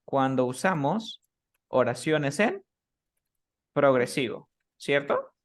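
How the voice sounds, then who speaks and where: A man's voice: mid-range voice, sing-song, slow pace. Guy teaching grammar one on one, patient, keeps asking if u got it, normal mid voice. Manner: patient, keeps checking understanding with short questions. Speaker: English teacher. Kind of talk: explaining grammar rules in a one-on-one class.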